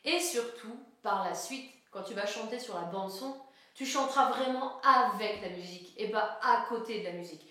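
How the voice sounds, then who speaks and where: A woman's voice: medium pitch, moderate pace, fairly bright tone. A woman giving a singing lesson, explaining each step plainly and speaking straight to the viewer. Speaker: singing teacher. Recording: very echoey room.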